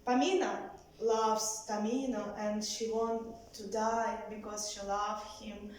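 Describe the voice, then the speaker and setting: A woman, a singing student, speaking halting English with many fillers. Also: mid-range voice, steady tone, darkish tone, very echoey, a little hiss or hum, low-quality recording. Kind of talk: repeating words in a diction lesson.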